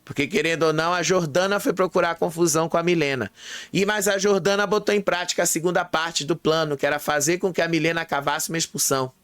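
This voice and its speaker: A man's voice: on the high side, fairly even intonation, fast, fairly bright tone, smooth, no echo. A man casually recapping reality show gossip, chaining events together and checking in with the listener. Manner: chatty, strings events with "aí" and checks in with "tá?".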